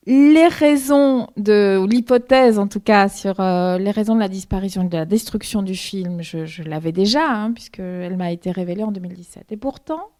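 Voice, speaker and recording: A woman's voice: mid-range voice, normal speed, few pauses, warm tone. Hesitant woman author, from Argentina. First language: Spanish. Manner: hesitant, many repeated words and restarts. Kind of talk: bookshop talk, answering questions.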